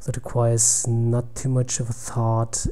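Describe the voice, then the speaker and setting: Speaking in a monotone at medium pitch, a quiet German man talks through his own online blitz game in real time. His remarks come haltingly as he thinks aloud, trailing off to a near-whisper when he's calculating moves.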